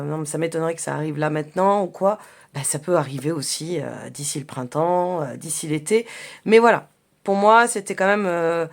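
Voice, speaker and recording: A woman doing a casual tarot reading, talking in a chatty, hesitant way with many fillers and restarts while she handles cards. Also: on the low side. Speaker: tarot reader.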